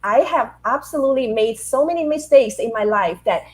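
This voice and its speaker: Answering an interviewer, a middle-aged leadership author from Taiwan tells stories with lively energy and rhetorical questions. She speaks a little fast in a fairly high voice.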